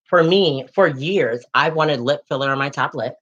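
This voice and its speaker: A man's voice: fairly high pitch, normal speed, fairly bright tone. A man in his late twenties co-hosting a casual chat, sassy and dramatic, calling listeners girl and honey. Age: late 20s. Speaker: co-host. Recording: dull lo-fi sound.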